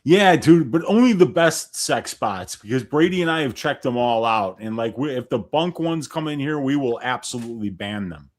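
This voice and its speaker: A man's voice: medium pitch, lively intonation, moderate pace, hardly any pauses. A man co-hosting a live fight watch-along, a little tipsy, joking around in casual banter. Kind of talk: casual live-stream chat.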